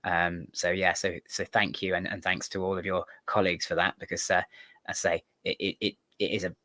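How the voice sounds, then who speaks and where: A man with a very low voice hosts a relaxed studio interview. He talks in long, earnest, winding sentences. The sound is close and dry, with no room echo. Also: fairly quick. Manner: rambling, earnest. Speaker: podcast host. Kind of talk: casual interview chat.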